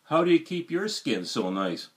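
A man's voice: on the high side, sing-song, moderate pace. A man in his sixties making casual comic banter as a ventriloquist's straight man. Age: 60s. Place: small home room, indoors.

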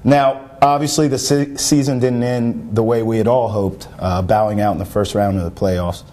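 A man in his thirties hosts a local sports show, conducting a studio interview in a TV studio with an upbeat, playful broadcast delivery on a lapel mic. His voice is on the low side and dark, with fairly even intonation and a moderate pace.

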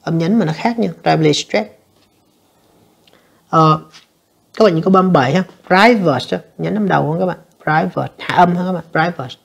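Low, gravelly woman teacher. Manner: explains each answer step by step, reading English lines slowly. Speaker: English teacher. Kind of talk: exam review lesson.

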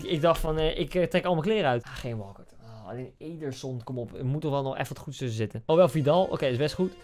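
A young man with a Dutch accent, commentating on a video game pack opening, swinging from flat muttering to loud outbursts. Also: fairly high pitch. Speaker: gaming YouTuber.

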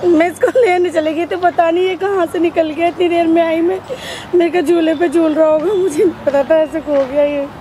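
A woman's voice: extremely high pitch, fairly even intonation, normal speed, few pauses, crowd noise. A woman speaking as a mother in a park, pleading with a tearful, insistent manner. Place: outdoor public park. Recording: noisy outdoor park.

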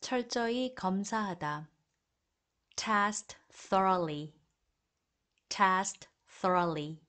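Very slow woman reading a vocabulary drill. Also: medium pitch, expressive, fairly bright tone. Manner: slow, deliberate repetition of each phrase. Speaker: English teacher.

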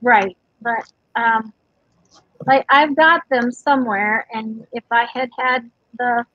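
Brief: chatty woman teaching a craft, husky, dry close sound. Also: a little high, fairly even intonation, slow, no echo, lo-fi sound. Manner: chatty, rambling with fillers. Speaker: craft instructor. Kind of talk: casual craft demonstration.

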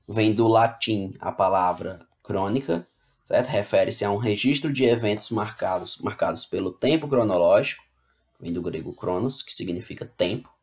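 In a fairly low, darkish voice at a moderate pace, a male teacher gives an online class, reading his slides out loud and explaining them again in plain words. He keeps it casual, regularly asking "né?" and "tá bom?" to make sure students follow.

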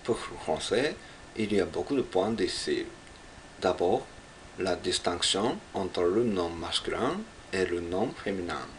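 A man's voice: deep voice, lively intonation, takes it slowly, a little hiss or hum. A man from Japan with a Japanese accent, carefully practicing French pronunciation and repeating it in Japanese, drilling syllables one by one. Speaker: French learner. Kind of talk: language practice monologue.

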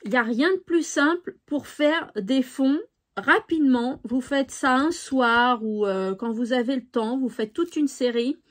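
Slow-talking, high-voiced woman. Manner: chatty, thinks aloud with fillers. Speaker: craft channel host. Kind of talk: casual craft tutorial.

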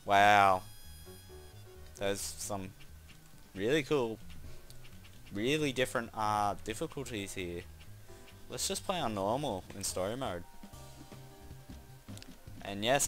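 A man casually commenting on his gameplay, rambling, giggling often and breaking into loud exclamations. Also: on the low side, slow pace, long pauses, faint music behind.

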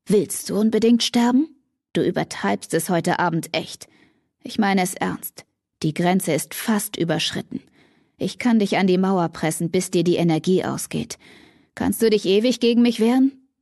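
A woman voicing an angry, protective young male alien in an audiobook, threatening in a low, hushed way. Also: moderate pace, dry recording, studio quality. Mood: menacing.

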